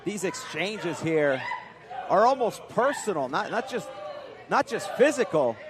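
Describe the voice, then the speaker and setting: A man doing live wrestling commentary, excitable and quick to exclaim at the big moves. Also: high-pitched. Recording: loud crowd noise, live event venue. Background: crowd and event noise.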